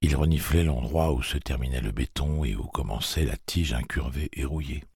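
A man reading a novel aloud as an audiobook narrator, with a gravelly, husky voice and a steady, measured delivery. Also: rumbling low, dry recording, clean studio sound. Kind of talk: scripted narration.

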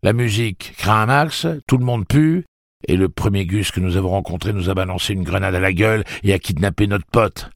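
A swaggering, foul-mouthed young tough in a spoken story, sneering out his threats in a voice pushed well above the reader's own deep tone, as a male narrator puts him on. The voice stays a little husky and sits in a dry, close room. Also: animated, normal speed, no echo. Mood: menacing.

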